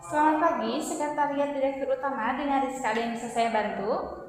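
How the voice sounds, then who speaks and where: A woman plays a polite, deferential secretary in a workplace role-play. She has a fairly high voice and a formal customer service manner. The recording rings with heavy room echo and long reverb. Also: fairly quick, close to an everyday voice. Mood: courteous, professional.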